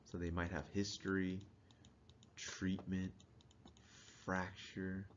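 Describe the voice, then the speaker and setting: Man lecturing casually, lower-pitched voice. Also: monotone, slow, a little hiss or hum. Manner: casual, quizzes the class, chuckles. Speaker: instructor. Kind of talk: classroom lecture. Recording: dull lo-fi recording.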